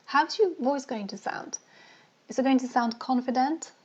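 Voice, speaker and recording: A woman's voice: high-pitched, moderate pace, breathy edge, lo-fi sound. A woman dating coach leading a live online session, asking the audience many questions and repeating her phrases for emphasis.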